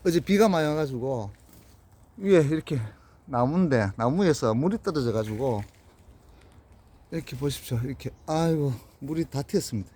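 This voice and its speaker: A man's voice: medium pitch, expressive, dark tone, slightly rough. Gyeongsang-accented man giving a greenhouse tour. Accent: Gyeongsang Korean. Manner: plain, unhurried, pointing things out. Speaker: plant grower showing his greenhouse. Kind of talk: casual walkthrough narration. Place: outdoors and in a greenhouse.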